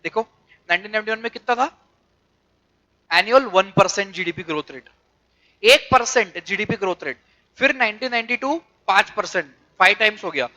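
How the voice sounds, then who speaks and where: A man's voice: high voice, lively intonation, sharp tone. A middle-aged male commerce teacher with an Indian English accent, lecturing and often stopping to quiz his students. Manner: mixes English and Hindi, quizzes students with quick questions. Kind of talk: classroom lecture. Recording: dull lo-fi lecture recording.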